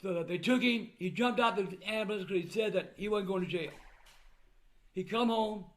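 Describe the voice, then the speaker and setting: A man's voice: high voice, moderate pace, a bit bright. An older man talking casually and bluntly to his viewers, with the plain manner of an old grandfather. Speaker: vlogger recounting family troubles. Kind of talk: casual personal talk to viewers.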